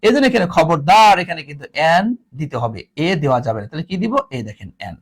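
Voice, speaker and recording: A man's voice: on the high side, very animated, fast, breathy edge. A man teaching an English grammar class, repeating each word and teasingly scolding his students. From Bangladesh.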